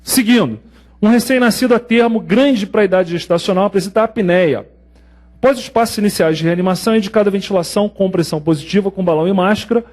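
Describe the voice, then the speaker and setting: A man with a Brazilian Portuguese accent lectures on newborn care for an exam. His voice sits fairly high, and he teaches in a lively way, slipping into short acted scenes from the delivery room. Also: quick pace. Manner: lively storytelling, acts out scenes. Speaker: pediatrics lecturer. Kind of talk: exam prep medical lecture.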